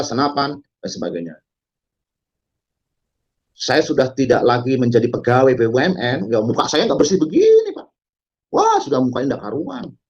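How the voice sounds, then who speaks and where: Husky man giving animated dramatic testimony. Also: medium pitch, dull audio. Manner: animated, breaks into loud quoted shouts; halting, frequent fillers and restarts. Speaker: testimony speaker. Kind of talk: dramatic spoken testimony to a congregation.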